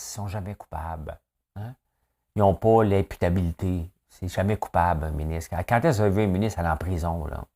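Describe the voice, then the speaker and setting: Québécois guy riffing on the news, very low voice, blunt and jokey. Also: darkish tone. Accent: Québécois French. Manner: blunt, opinionated, joking rant. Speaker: host of a daily news chat. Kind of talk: casual news commentary.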